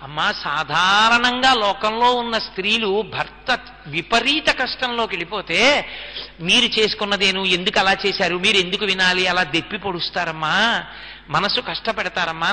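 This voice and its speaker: A man's voice: sits high, moderate pace, pushed and bright, voice pushed down. A man voicing a grieving older queen mother who pleads with her daughter-in-law, with long hall reverb. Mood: pleading.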